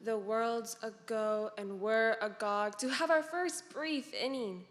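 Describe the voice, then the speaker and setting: A young woman in her late teens reciting a poem with measured, deliberate phrasing. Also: fairly high pitch. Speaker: student reciter. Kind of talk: formal poetry recitation. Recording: long hall reverb, distant.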